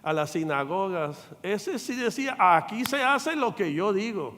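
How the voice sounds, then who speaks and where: A man's voice: high voice, unhurried. Older male pastor preaching in reverberant church. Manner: animated preaching, acts out quoted voices, asks the congregation. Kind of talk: sermon. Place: church sanctuary.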